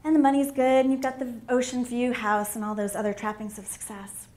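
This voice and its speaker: A middle-aged woman giving a candid, animated personal talk as a conference speaker on a stage microphone. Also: on the high side, a little fast. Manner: candid and animated, with emphatic swells. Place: conference hall. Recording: echoey hall with faint room noise.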